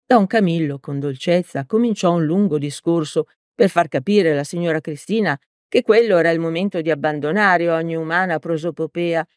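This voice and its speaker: A woman reading an audiobook aloud in a calm, even storytelling manner. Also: low voice, moderate pace, few pauses, dry recording, clean studio sound. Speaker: audiobook reader. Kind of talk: scripted narration.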